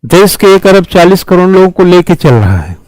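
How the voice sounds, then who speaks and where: Emphatic high-voiced male lecturer. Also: very animated, moderate pace, a little mellow, no room sound, low-quality recording. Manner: emphatic, rhetorical questions and repeated slogans. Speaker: civil services exam teacher. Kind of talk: classroom lecture.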